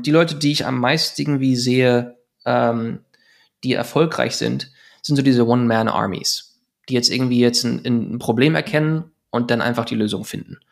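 A German man in his thirties, a podcast guest, talking in a fast, rambling way with many fillers and restarts. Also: medium pitch, gravelly. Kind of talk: casual podcast interview.

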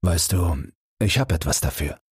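An earnest, caring cadet boy, as a man reads him out in a storybook, urging a friend softly. The voice stays deep, husky and unhurried, recorded dry and close. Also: expressive, dry recording, heavily acted.

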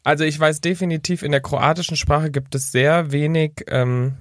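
A man's voice: on the high side, steady tone, moderate pace, dry recording, studio quality. A man co-hosting a podcast in casual chat, joking and playful. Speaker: podcast co-host. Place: home studio.

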